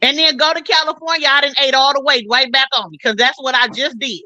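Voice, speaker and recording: A woman talking bluntly and loudly in a casual podcast chat, full of slang. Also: sits high, fairly even intonation, fast, dry recording, dull audio. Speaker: panelist.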